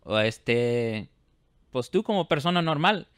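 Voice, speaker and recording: A man's voice: mid-range voice, sing-song, slow, smooth, no echo, studio quality. A man from Fort Worth hosting a casual interview, talking hesitantly with many fillers and restarts. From Fort Worth, Texas. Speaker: host.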